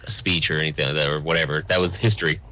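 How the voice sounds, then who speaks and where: A man running a tabletop game as game master, halting with frequent ums before reading out descriptions. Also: extremely low pitch, fairly even intonation, sharp tone. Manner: halting, lots of ums when improvising.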